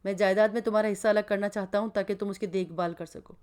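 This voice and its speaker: A woman reading the lines of a gentle older man, a family patriarch, in a soft, earnest audiobook voice. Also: mid-range voice, fairly even intonation, natural voice.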